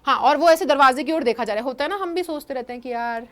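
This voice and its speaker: A young woman teacher explaining a story chapter in mixed Hindi and English, reading English lines slowly and then retelling them quickly. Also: high voice, fairly bright tone.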